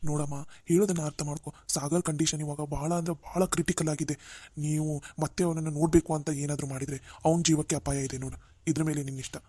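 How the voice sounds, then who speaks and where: Woman voicing a low, mellow-toned male cartoon doctor, steady and firm, quick delivery. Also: breathy edge, no room sound. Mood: grave. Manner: measured, gently firm. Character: calm grave male hospital doctor. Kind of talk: Kannada cartoon voice acting.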